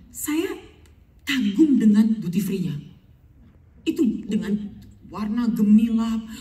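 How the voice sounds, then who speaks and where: A woman's voice: lowish voice, far from the mic. Woman pastor preaching in a roomy hall. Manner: animated storytelling, acts out pleading in English. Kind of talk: sermon with personal testimony. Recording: roomy hall sound, voice from off-mic.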